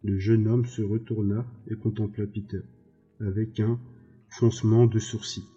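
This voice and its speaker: Low, flat-voiced male narrator. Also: unhurried, husky, muffled recording, soft background music. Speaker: audiobook reader. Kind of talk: scripted narration.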